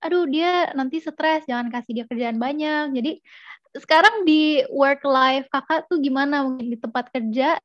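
A woman's voice: high-pitched, no echo, lo-fi sound. A woman interviewing her guest, asking polite, casual questions with many fillers.

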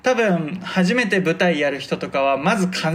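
Soft-spoken man with a fairly high voice. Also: animated. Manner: soft-spoken, deliberately projecting from the diaphragm and articulating carefully. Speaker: podcast host. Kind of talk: casual solo monologue.

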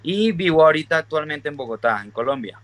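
A man's voice: fairly high pitch, animated, quick pace, a bit bright. A man from Venezuela, calling into a live stream over a video call, polite and a little hesitant. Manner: polite, hesitant, many fillers. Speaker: caller. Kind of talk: caller asking a question on a live stream.

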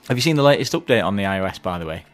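A man's voice: fairly low pitch, expressive, very fast, faint music behind. A man co-hosting a radio show in casual chat, trading dry, wry banter. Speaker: radio co-host.

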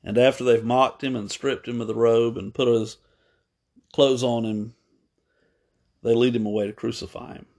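A male preacher speaks at an ordinary mid-range pitch. He talks his way through a story in an unhurried way, stopping on fillers and fixing his own slips. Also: fairly even intonation, creaky, darkish tone. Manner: unhurried, pausing with fillers and self-corrections. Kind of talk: unscripted sermon retelling.

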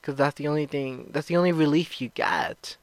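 A man's voice: a little high, brisk, dry recording. A man with a lisp that makes his s sounds slushy, chatting candidly and casually as a podcast host.

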